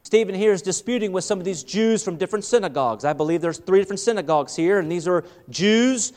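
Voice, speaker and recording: A man preaches in a high voice, rising to loud peaks and dropping to quiet asides. He restarts phrases often as he talks to his congregation. The sound rings with the long reverb of a church sanctuary. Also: quick pace. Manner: animated preaching, voice swells and drops with many restarts. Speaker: pastor. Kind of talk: sermon.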